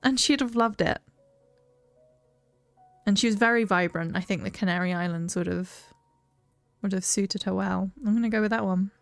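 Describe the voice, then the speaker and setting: A woman's voice: mid-range voice, normal speed, vocal fry, long pauses, soft background music. A woman giving emotional, reactive let's play commentary as she plays. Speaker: game streamer.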